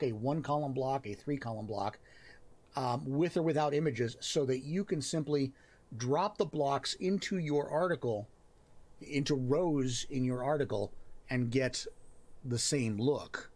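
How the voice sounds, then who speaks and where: A man's voice: mid-range voice, a little mellow. A man hosting a live help stream, chatting casually and thinking aloud as he looks over work on his screen. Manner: thinks aloud, pausing and restarting as he reads. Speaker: host of a writing and worldbuilding help stream.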